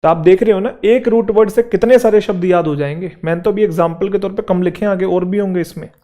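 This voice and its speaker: A man's voice: high voice, quick pace, warm tone. Man teaching English vocabulary. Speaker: English teacher for exam students. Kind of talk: vocabulary lesson.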